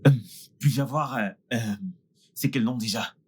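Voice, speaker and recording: A man's voice: medium pitch, fairly even intonation, a little slow, slightly rough. A man playing an apologetic, affable character in dubbed film dialogue, placating and repeating himself. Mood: friendly.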